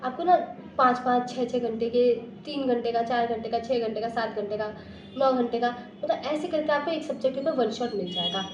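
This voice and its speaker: A woman's voice: on the high side, moderate pace, a little mellow, highs cut off. A young woman giving exam preparation advice in a casual, earnest way, often slipping English phrases into her talk. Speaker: exam prep guide. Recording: echoey room with faint ambient noise.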